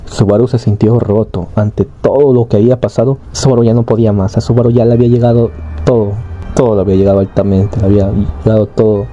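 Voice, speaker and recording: A man's voice: fairly low pitch, fairly even intonation, quick pace, mellow, muffled recording, slight background noise. A man casually retelling an anime story, rambling along with fillers and tag questions. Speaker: anime recap narrator.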